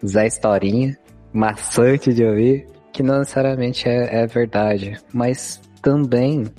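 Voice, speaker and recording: A man's voice: mid-range voice, a little slow, mellow, faint music behind. A man chatting casually on a podcast, telling anecdotes about himself with a self-deprecating touch. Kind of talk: casual chat.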